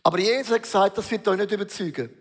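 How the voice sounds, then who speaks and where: Man, pastor's sermon, emphatic storytelling, high voice, long hall reverb. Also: fast. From Switzerland. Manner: emphatic, storytelling, mixing in English words. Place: large church hall.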